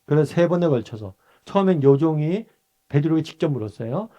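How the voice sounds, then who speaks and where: A man's voice: on the high side, dark tone, highs cut off. A male pastor from Busan teaches a Bible study in a conversational way. He asks the group questions, answers them himself, and acts out short quoted lines in a raised voice. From Busan, South Korea.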